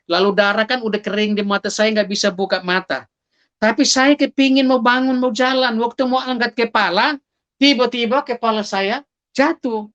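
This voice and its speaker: A man's voice: extremely high pitch, fairly even intonation, moderate pace, fairly bright tone, muffled recording. A man giving a personal testimony, telling it dramatically and calling his listeners brothers and sisters, acting out his own cries for help in a raised voice. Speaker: testimony speaker.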